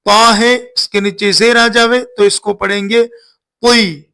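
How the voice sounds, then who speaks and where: A man teaching Quran letter pronunciation, drilling each sound slowly and repeating it for learners to follow. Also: sits high, little pitch movement, gravelly, sharp tone, clean tone. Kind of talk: step-by-step recitation lesson.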